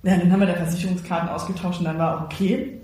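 A woman's voice: on the low side, flat delivery, racing, dark tone. A woman co-host tells a story in an easy, chatty way. She acts out the quoted dialogue as she goes. The recording sits in a strongly echoing room. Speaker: podcast co-host. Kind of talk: casual storytelling chat. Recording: very echoey room.

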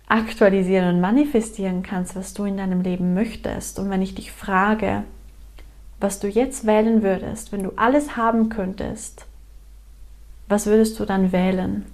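A woman leading a guided meditation, speaking directly to the listener in gentle instructions and repeated invitations. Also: medium pitch.

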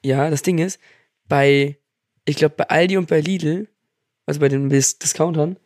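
A young man co-hosts a casual podcast chat with a relaxed, agreeable manner. His voice sits a little higher than most men's, and he tells stories with street slang. The recording is dry and close. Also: moderate pace, dry recording. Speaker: podcast co-host.

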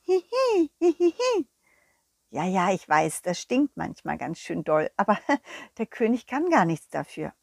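A woman narrating a children's audio story as a friendly young dog, speaking warmly and sing-song straight to the kids. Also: on the low side, big pitch swings, a little slow, gravelly, husky, dry recording, clean studio sound. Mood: cheerful.

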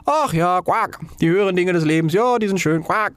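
A man's voice: high-pitched, a little fast, fairly bright tone, no room sound, voice pushed up. A man voicing a chatty, hungry duck that quacks between words.

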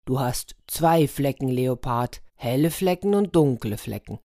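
Brief: woman doing a deliberate, kindly tortoise, low voice, storybook. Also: lively intonation, dark tone, no room sound, studio quality, exaggerated voice. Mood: wise. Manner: slow, deliberate, measured. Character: wise slow kindly female tortoise.

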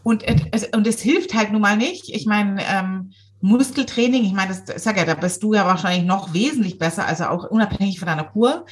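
A middle-aged woman from Swabia with a Swabian German accent, chatting casually, lively and self-mocking, laughing often. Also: mid-range voice, fairly quick, slight background noise. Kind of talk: casual chat.

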